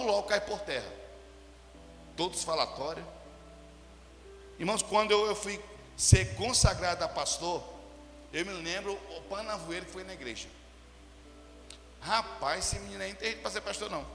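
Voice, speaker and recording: A man preaching emphatically, his high, bright voice edged with gravel. He swings from loud declarations to quiet asides. The sound rings out with a long reverb in a church hall. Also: slight background noise. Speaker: pastor. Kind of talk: sermon.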